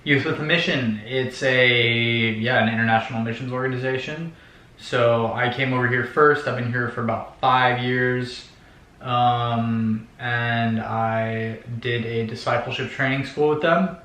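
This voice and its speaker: A man in his twenties from Oregon, chatting casually in a Q&A vlog, relaxed and hesitant with many ums. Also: mid-range voice, measured pace, reverberant. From Oregon, United States. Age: 20s. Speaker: vlogger, youth missions worker. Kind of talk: casual Q&A chat.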